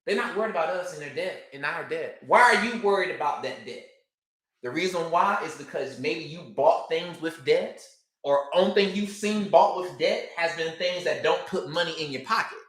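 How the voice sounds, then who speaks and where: A man with a high, bright, forceful voice hammers home his points about credit, repeating himself for emphasis. His voice rings in an echoey room. He slips into other people's voices to make his case. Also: moderate pace. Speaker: credit coach. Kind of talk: motivational talk to camera.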